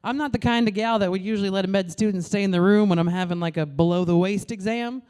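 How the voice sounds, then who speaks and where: A woman in her late thirties doing a stand-up comedy set on a club stage, brash and crude, with deadpan asides to the crowd. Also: mid-range voice, fast talker, clear, resonant tone. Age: late 30s.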